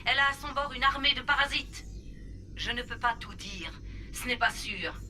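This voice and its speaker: Woman playing a highish-voiced, serious military figure. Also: normal speed, noisy background, natural voice. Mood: strained, urgent. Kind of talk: dramatic video game acting in French. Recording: music behind the voice.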